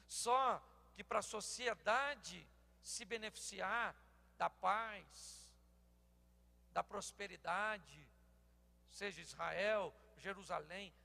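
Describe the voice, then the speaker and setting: A Brazilian man in his sixties, a pastor delivering a humorous sermon, telling animated stories and acting out dialogues. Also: sits high, vocal fry. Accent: Brazilian Portuguese. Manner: animated storytelling, acts out dialogues, bursts into shouting. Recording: long hall reverb.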